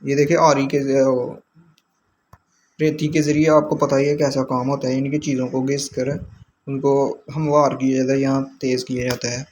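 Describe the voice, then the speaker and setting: A man's voice: medium pitch, little pitch movement, normal speed, a little mellow. Patient male teacher explaining vocabulary. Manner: explains patiently, repeating each term with its meaning. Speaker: language teacher. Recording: dull lo-fi sound with faint background noise.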